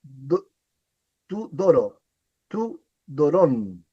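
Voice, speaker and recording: A man, a student, reading Greek word forms aloud haltingly and carefully in class. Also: fairly high pitch, very animated, mellow, husky, highs cut off.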